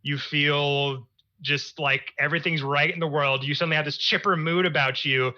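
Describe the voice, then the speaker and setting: A man narrating a tabletop game as game master, laughing often and animated. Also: a little high, normal speed, highs cut off.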